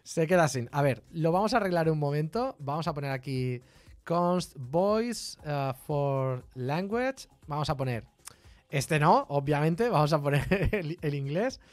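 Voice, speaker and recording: A man with a Spain Spanish accent giving a casual live-coding tutorial, chatty and quick to laugh and swear in surprise. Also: fairly high pitch, lively intonation, no echo. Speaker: programming streamer.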